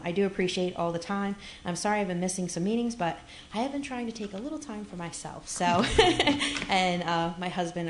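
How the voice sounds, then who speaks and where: A woman's voice: low-pitched, slight background noise. A woman giving upbeat, chatty remarks at a public city meeting, with plenty of fillers. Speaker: city events organizer. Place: council chamber. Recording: echoey meeting room.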